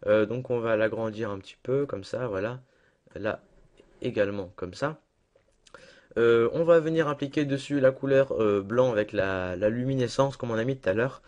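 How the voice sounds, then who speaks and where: Chatty young man giving a software tutorial. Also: medium pitch, normal speed, lo-fi sound. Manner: chatty, self-deprecating, lots of fillers. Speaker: tutorial maker. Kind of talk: casual screen-recorded software tutorial.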